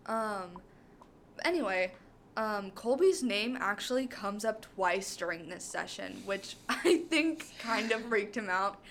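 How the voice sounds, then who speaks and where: Slow-talking young woman recapping a show. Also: mid-range voice, expressive, fairly bright tone, a little hiss or hum. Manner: rambling, many "um" and "like" fillers. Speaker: podcast co-host. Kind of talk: casual chat recapping a show.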